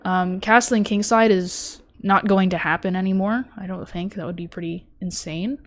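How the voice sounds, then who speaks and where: A woman's voice: medium pitch, fairly even intonation, moderate pace. A young woman streaming, chatting casually as she reviews her tournament chess game, thinking aloud with lots of fillers and self-deprecating asides. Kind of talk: casual live-stream commentary.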